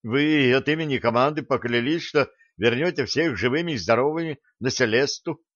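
A man's voice: medium pitch, normal speed, fairly bright tone, no echo, close to an everyday voice. Guy playing a mumbly earnest cabin boy, dry dull audio. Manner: grumbling, earnest. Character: shy sulky teenage boy cabin hand.

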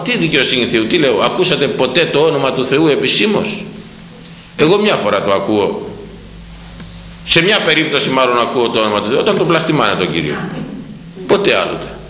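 In an echoey room with slight background noise, an older priest gives a sermon on Proverbs to his congregation. His medium-pitched voice sounds pushed and bright as he repeats phrases and asks rhetorical questions.

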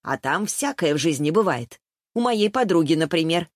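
A woman's voice: sits low, expressive, moderate pace, no room sound. A chatty woman friend with a wry, gossipy way of talking, as a woman reading the book puts her on. The sound is dry and close. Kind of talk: audiobook character voice.

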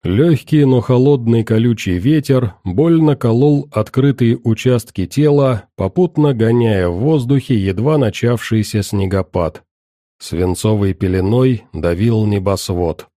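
A man narrating a story in the first person in a grim, measured way. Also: mid-range voice, dark tone, dry recording, studio quality. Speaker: audiobook narrator.

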